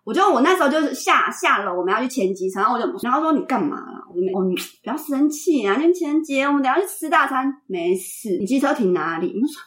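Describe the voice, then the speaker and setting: A woman's voice: high-pitched, very animated, fast, few pauses, fairly bright tone. A young woman with a Taiwanese Mandarin accent telling a dramatic story in casual podcast chat, often laughing. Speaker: podcast guest.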